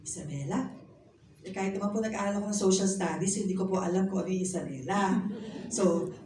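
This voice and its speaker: A woman's voice: mid-range voice, quick pace, darkish tone. A middle-aged woman shares her personal testimony as a pastor's wife, talking in a chatty, polite way and slipping English phrases into her speech. She sounds set back from the microphone in an echoey room, with a faint hiss underneath. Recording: echoey room, mic at a distance, faint noise.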